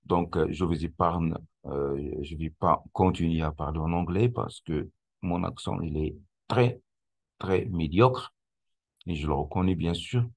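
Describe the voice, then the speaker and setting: A man presenting a screen-recorded software tutorial, explaining step by step with many hesitations and restarts. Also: low-pitched, measured pace, husky. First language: not English; speaks French.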